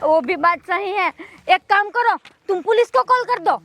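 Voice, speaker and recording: Very high, bright-voiced village woman. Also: expressive, normal speed, slight background noise. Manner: loud, calling out and dramatic. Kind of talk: rural comedy sketch acting.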